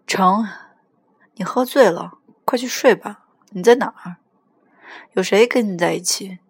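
A woman voicing a teenage girl on a late phone call, brisk and impatient. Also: medium pitch, husky, dry recording.

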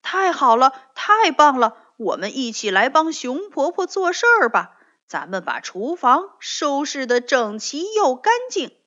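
A woman voicing a boisterous, stubborn young male frog in a children's story, loud and cheerful. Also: on the high side, very animated, slow, heavily acted. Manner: cheerful and loud, grumbles when caught out. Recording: dull lo-fi recording.

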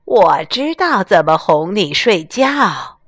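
A woman's voice: lowish voice, big pitch swings, takes it slowly, dry recording, studio quality, full character voice. A woman doing a chattering motherly cat. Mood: cooing. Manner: chattering, cooing. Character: fussy motherly female cat.

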